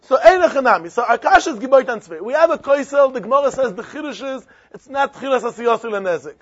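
A man with a strikingly high voice and a Yiddish accent leads an interactive Talmud lesson. He argues his way along, firing and repeating rhetorical questions in yeshiva idiom. The recording is dull and lo-fi. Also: expressive, fast, breathy edge. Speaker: Talmud teacher.

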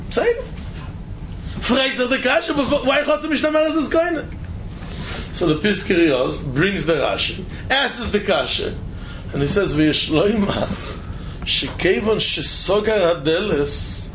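A man's voice: on the high side, slight background noise, poor audio. A man with lecturing informally as a Talmud teacher, asking rhetorical questions and repeating phrases for emphasis.

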